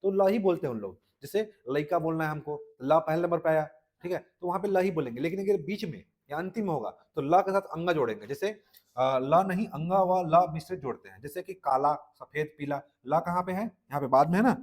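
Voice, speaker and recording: A man's voice: a little high, a little fast. A man with a Chhattisgarhi Hindi accent giving a classroom lecture for exam students, checking in with "okay" and quizzing his listeners. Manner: repeats "ठीक है" and quizzes listeners. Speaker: exam-prep Hindi teacher.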